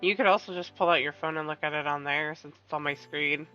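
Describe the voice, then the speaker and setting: A woman's voice: deep voice, quick pace, sharp tone. A woman chatting casually while streaming a video game with a co-player. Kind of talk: casual gaming chat. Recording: dull sound with music behind.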